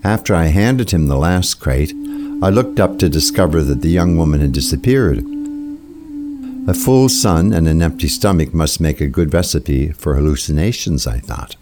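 A man playing a thoughtful seeker who narrates his own tale in a measured, literary, reflective way. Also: very deep voice, expressive. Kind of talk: scripted first-person story narration.

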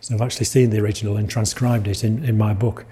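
A man's voice: lowish voice, little pitch movement, quick pace, dark tone, a little hiss or hum. A middle-aged man with a Yorkshire accent giving an illustrated lecture, rambling with restarts and asides.

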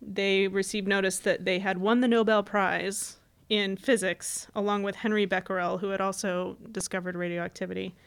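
Woman co-host, casual storyteller, chatty and quick to laugh. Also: mid-range voice, level tone, gravelly, clear, resonant tone. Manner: chatty storyteller, laughs often, acts out quotes. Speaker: podcast co-host telling the story. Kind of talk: casual history podcast chat.

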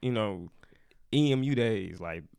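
A young man from Michigan, a podcast guest in casual chat who tells animated stories and acts out quotes. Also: lowish voice, unhurried, vocal fry, clear, resonant tone. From Lansing, Michigan.

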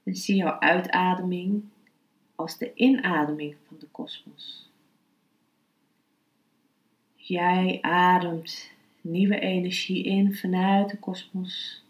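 Woman teaching calmly in an echoey room. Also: fairly low pitch, takes it slowly, long pauses. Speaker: yoga philosophy and meditation teacher, podcast host. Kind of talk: spoken lesson, then slow guided meditation. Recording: roomy, echoing sound.

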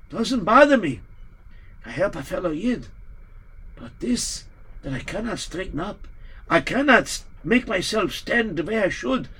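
A man voicing a humble, pious old rabbi who talks softly and sighs. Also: high voice, husky, voice pushed up, exaggerated voice. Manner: soft, sighing, lamenting. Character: pious elderly male rabbi, humble and sighing.

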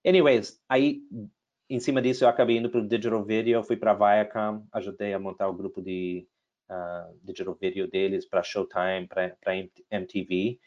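Heard on a muffled recording, a middle-aged American investor speaks Portuguese at normal speed in a lowish, darkish voice with little pitch movement. He narrates his career during a casual interview, restarting often, using fillers and mixing in English. His American accent shows some Brazilian and European Portuguese influence.

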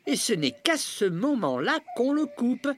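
A storyteller voicing a cheerful, patient farmer explaining things in a storybook reading, lively and raised in pitch. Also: measured pace, slight background noise. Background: soft music.

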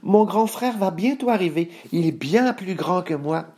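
A man voicing the middle billy goat brother, calm, assured and persuasive. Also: high voice, moderate pace, slightly rough, voice pushed up.

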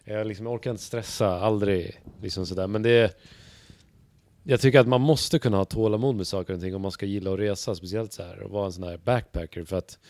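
A lower-pitched man, a stand-up comedian, talks casually as a podcast guest. He tells stories with animated energy and acts out the people in them, and he swears freely between filler words. His voice sounds dry and close. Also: no room sound. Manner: animated storyteller, acts out other people's lines.

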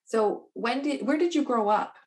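A woman's voice: a little high, lively intonation, normal speed, darkish tone. A woman interviewer asking casual questions, often restarting her sentences.

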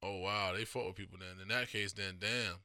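A man co-hosting a podcast, talking in loose, profane, animated banter while he has the hiccups. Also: on the low side, brisk, clean tone, no echo. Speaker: podcast co-host. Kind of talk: casual chat.

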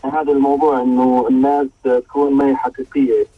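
A man's voice: mid-range voice, little pitch movement, fast talker, husky, no room sound. A man calling a radio show over the phone from his car, polite and rambling with fillers. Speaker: radio caller. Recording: lo-fi phone line, faint music behind.

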